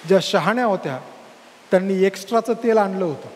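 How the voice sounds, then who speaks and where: Pastor preaching fervently, really high voice, echoing church hall. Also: male voice, fast, a little hiss or hum. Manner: fervent preaching that climbs to loud calls. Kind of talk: sermon.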